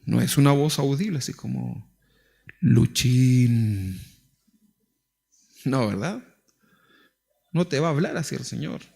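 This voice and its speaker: A man preaching a sermon in a relaxed, talkative way, his voice sitting high and rough with gravel. He speaks with a Chilean accent and keeps turning to his listeners with questions. He sounds like a pastor leading his church. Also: moderate pace, long pauses. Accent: Chilean Spanish. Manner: conversational preaching with rhetorical questions; acts out quoted prayers.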